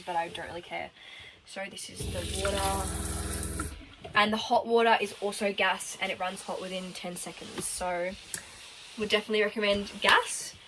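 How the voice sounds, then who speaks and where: A woman's voice: medium pitch, fairly bright tone. Young aussie woman showing off her bus, chatty, laughs a lot, camera a bit far off with noise. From Australia. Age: early 20s. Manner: chatty, laughs often, recommends things. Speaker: vlogger giving a bus tour. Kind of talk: casual home tour. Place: inside a converted bus. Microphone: camera held by her sister. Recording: camera at a distance with background noise.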